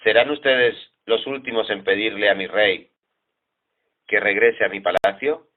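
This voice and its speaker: A man's voice: lowish voice, steady tone, a little slow. A man reading as a grieving old king. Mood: persuasive. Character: grieving aged king, commanding then broken. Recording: tinny phone-like sound.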